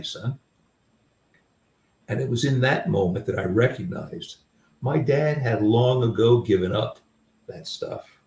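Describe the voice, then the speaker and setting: A man's voice: fairly low pitch, a little mellow, roomy sound, recorded from a distance. An older man and author, telling candid, self-deprecating personal stories in a reflective way, with many restarts. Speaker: author and guest.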